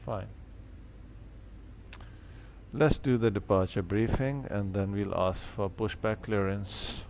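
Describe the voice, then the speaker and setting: A man's voice: lowish voice, slow pace, a little mellow, a little hiss or hum. A man streaming a flight simulator, casually talking himself through each step as he goes. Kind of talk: casual live commentary on own gameplay.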